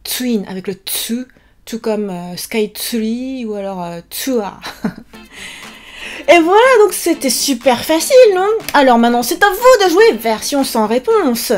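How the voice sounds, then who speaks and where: Chatty woman teaching vocabulary, slow. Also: a little high, big pitch swings. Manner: chatty, laughs often, drills with repeated questions. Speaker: Japanese language teacher. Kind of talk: casual vocabulary lesson.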